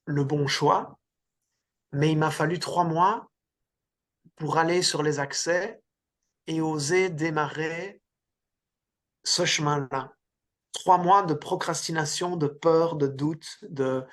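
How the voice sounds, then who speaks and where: A man's voice: fairly high pitch, fairly bright tone. A middle-aged man from Belgium, a coach talking about his career in a casual interview, hesitant with frequent restarts. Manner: hesitant, many restarts and fillers. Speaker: coach and speaker, interview guest.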